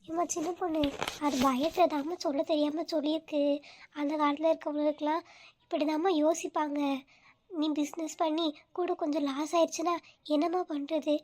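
A woman voicing a squeaky kind neighbor sister. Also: little pitch movement, a little fast, lightly acted. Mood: soothing. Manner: coaxing, gently scolding, calls her "amma". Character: kindly motherly neighbor woman, older sister type. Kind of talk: home-made comic skit.

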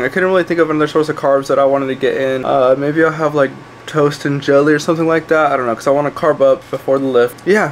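Casting: young male gym bro vlogger, lightly high-pitched, informal and sweary, recorded at home with slight background noise. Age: young adult. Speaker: fitness vlogger. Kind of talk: casual chat to camera. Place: small indoor rooms at home, bedroom and kitchen.

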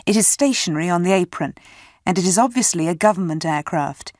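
A woman with a slightly low voice gives a methodical description of an image. She sounds matter-of-fact, and the recording is dry and free of room sound. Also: animated, a little fast, darkish tone, dry recording. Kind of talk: descriptive explanation of a picture.

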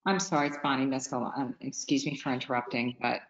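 A woman's voice: extremely low pitch, fairly even intonation, quick pace, roomy sound. A woman addressing a public meeting as an attorney, polite, apologetic and somewhat hesitant. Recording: dull video-call audio.

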